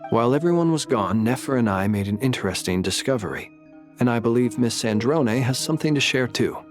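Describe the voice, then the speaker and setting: A man's voice: mid-range voice, expressive, brisk, faint music behind, natural voice. An actor playing a formal, courteous grown man in a video game.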